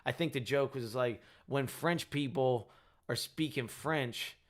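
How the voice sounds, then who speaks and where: A man's voice: mid-range voice, a little slow. A tired young man with a Delco accent, chatting casually with viewers as a show host, rambling and joking about himself. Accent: Delco, Delaware County, Pennsylvania. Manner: rambling, self-deprecating, joking. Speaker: rideshare driver and channel host. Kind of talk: casual chat with live viewers.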